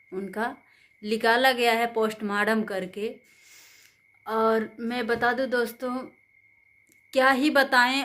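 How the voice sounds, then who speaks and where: Indignant high-voiced woman vlogger. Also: fairly bright tone. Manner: indignant, rambling and emphatic. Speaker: channel host. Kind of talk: angry commentary vlog.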